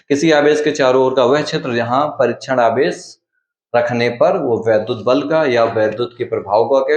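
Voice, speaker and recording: A man teaching a physics class in Hindi who asks questions and answers them himself, sometimes acting out the test charge in a small voice. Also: fairly high pitch. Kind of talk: classroom lecture. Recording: echoey, dull classroom recording.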